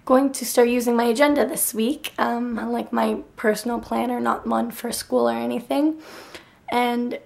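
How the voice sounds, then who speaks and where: Hoarse, raspy whispering young woman. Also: on the high side, steady tone, moderate pace, darkish tone. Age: young adult. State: hoarse, nearly lost voice, dry throat. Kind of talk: casual vlog chat. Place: bedroom, indoors. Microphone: handheld camera at arm's length.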